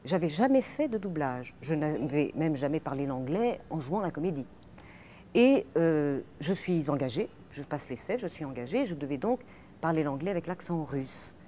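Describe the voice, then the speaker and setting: Lively, slightly low-voiced French voice actress. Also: female voice, normal speed, a little hiss or hum. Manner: lively, chatty storyteller. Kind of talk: interview anecdotes.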